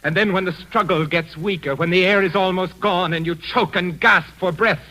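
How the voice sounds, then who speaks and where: An actor playing a cultured, sadistic mad organist in an old-time radio suspense drama, speaking in a theatrical, menacing way. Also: male voice, sits high, normal speed, sharp tone, poor audio. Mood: silky menace. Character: suave, sadistic mad organist murderer, a grown man.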